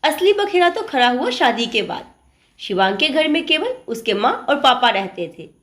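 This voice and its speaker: Animated woman telling a dramatic story. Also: high voice, normal speed. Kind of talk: scripted story narration.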